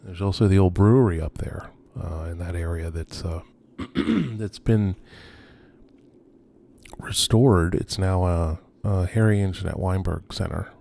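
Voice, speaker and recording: A low-voiced man with vocal fry and a dark tone speaks at a measured pace, musing hesitantly and letting phrases trail off. He's a video host and urban explorer giving an unscripted night tour of abandoned row houses, captured in a noisy ambient location recording.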